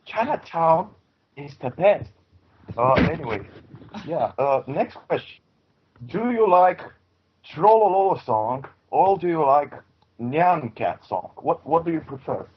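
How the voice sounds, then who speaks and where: A man doing a deadpan radio host with a thick put-on Transylvanian accent, trolling his guests in broken English. His voice is husky and swoops up and down in pitch. It comes through a dull, lo-fi laptop mic. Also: slow pace, heavily acted. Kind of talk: prank call-in radio chat.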